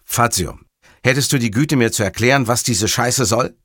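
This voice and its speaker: A man voicing a grumpy, short-tempered male police commissioner who speaks bluntly and gruffly. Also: mid-range voice, moderate pace, fairly bright tone, no echo, studio quality, lightly acted. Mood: irritated gruff.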